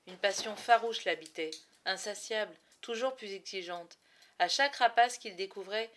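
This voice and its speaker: A woman narrating a storybook in expressive, measured phrases with dramatic pauses. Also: mid-range voice. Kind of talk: storybook reading.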